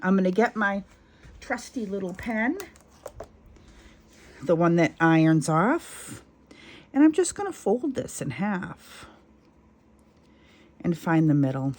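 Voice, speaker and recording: A middle-aged woman with a slightly low voice talks viewers through a sewing project at home. She rambles, wanders off into asides and laughs at her own goofs. It sounds like easy, unscripted craft-tutorial chat. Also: big pitch swings, takes it slowly, long pauses. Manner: chatty, self-deprecating, rambling asides. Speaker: craft channel host.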